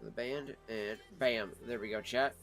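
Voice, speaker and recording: A man's voice: mid-range voice, fairly even intonation, a little slow, a bit bright, faint music behind. A man hosting a casual livestream, chatting informally and in a rambling way, as if to friends. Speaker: livestream host reviewing pipe tobacco.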